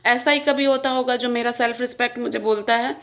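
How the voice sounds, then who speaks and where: A young woman talks straight to camera in a casual vlog. Her voice sits a little high. She sounds frustrated and earnest, and she pushes hard on her points as she retells an argument. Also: steady tone, brisk, fairly bright tone. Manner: frustrated, venting. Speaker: vlogger.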